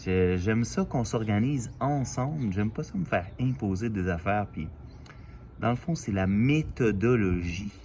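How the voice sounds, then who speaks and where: A man from Quebec with a Quebec French accent, musing aloud in a casual vlog, halting and full of fillers, outdoors in a city alley. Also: lowish voice, a little mellow, a little hiss or hum. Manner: thoughtful, halting, with many fillers and restarts. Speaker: vlogger. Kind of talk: casual reflective monologue.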